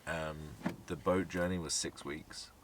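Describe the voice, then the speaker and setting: A man's voice: extremely low pitch, fairly even intonation, a little slow, background noise. A young man from southern England, co-hosting a casual Q&A and joking around playfully. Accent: southern English. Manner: joking, playful, breaks into silly sung ditties. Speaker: co-host. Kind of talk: casual Q&A chat.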